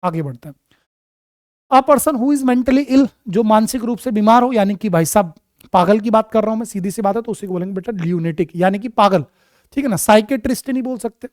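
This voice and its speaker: A man's voice: sits high, dry recording. Male vocabulary teacher, fond and coaxing with students, quizzes them and answers himself, dry close recording. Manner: calls students "my child" and "darling", asks and answers his own questions; mixes English terms into quick Hindi explanations. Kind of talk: exam vocabulary lesson.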